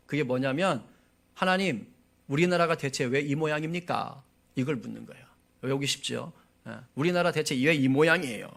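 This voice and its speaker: A male pastor preaches a sermon with animated energy, drawing listeners in with questions and call-and-response. His voice sits slightly high with a gravelly rasp.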